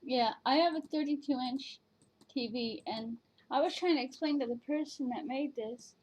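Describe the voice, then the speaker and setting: A woman's voice: high voice, moderate pace, darkish tone, husky. A woman casually chatting at home at her computer, rambling and hesitant, with many fillers and restarts. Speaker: vlogger reviewing virtual canes. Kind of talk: casual chat.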